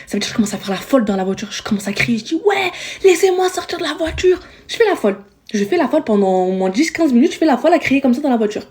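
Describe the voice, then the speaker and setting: A woman's voice: medium pitch, expressive, rapid-fire, few pauses, darkish tone. A young adult woman telling a story in a storytime vlog, slangy and chatty, talking straight to her viewers. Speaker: vlogger.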